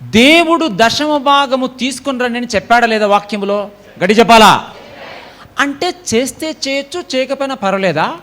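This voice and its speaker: A man's voice: very high-pitched, animated, normal speed, bright, forceful tone. A man preaching a sermon to his congregation, exhorting them and repeatedly calling for them to answer aloud. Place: church.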